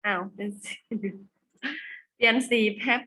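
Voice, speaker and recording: Slow, bright-voiced Thai woman teaching. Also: on the high side. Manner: patient, repeats words slowly for children to echo. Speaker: primary school English teacher. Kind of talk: online classroom lesson.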